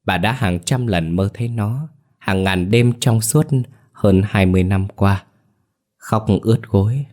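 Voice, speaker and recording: A man narrating a ghost story from a script, softly voicing each character. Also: fairly low pitch, measured pace.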